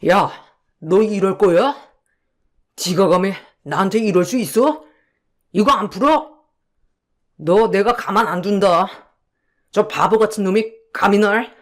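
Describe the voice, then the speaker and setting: A man's voice: high-pitched, unhurried, long pauses. A brazen wheedling con man. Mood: furious. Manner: wheedling and brazen, turns to abuse when caught. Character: smug scheming male con artist, old school friend. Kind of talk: radio drama acting.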